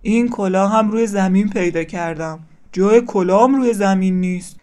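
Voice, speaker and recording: A woman's voice: mid-range voice, warm tone, pitched below the performer's own voice, lightly acted. A woman voicing a displeased father turtle who scolds his child in a storybook reading. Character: stern father turtle, grown man.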